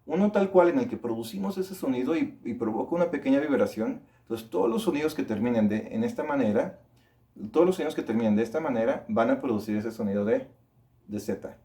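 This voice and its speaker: A man's voice: mid-range voice, lively intonation, warm tone. Man teaching English pronunciation, patient. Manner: slow, drawn-out model words repeated for practice. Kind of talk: explaining pronunciation lesson.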